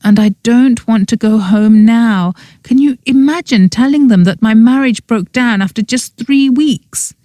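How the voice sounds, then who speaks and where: A woman's voice: fairly high pitch, measured pace, few pauses, warm tone, no room sound, studio quality, pitched above the performer's own voice, natural voice. A woman voicing a grumpy, reluctant young witch in a cozy mystery audiobook, wry and grudging.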